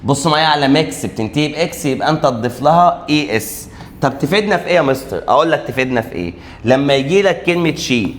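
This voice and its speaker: A man with an Egyptian Arabic accent teaching an exam-prep English grammar lesson, animated, posing students' questions and answering them himself, drawing out key letters slowly. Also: mid-range voice. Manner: animated, asks and answers his own questions.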